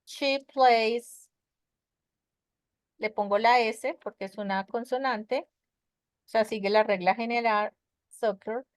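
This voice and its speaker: A woman with a slightly high, steady voice takes things slowly and pauses often; the recording is dry and clean, studio quality. In her web conference class on English grammar, she explains patiently step by step and asks many checking questions along the way.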